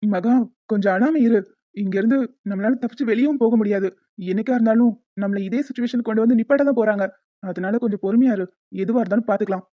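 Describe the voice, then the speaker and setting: A woman voicing characters in an animated serial, speaking calmly and reassuringly. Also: a little high, quick pace, dry recording, narrow, tinny audio. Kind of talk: dramatic cartoon voice acting.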